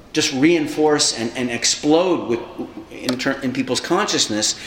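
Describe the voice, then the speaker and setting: A man's voice: on the high side, noisy background. A man telling stories about his years of political organizing in a conversational way, now and then acting out the people he met. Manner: animated, acts out quoted people. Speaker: socialist activist recounting past organizing. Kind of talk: conversational storytelling. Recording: echoey room, faint background ambience.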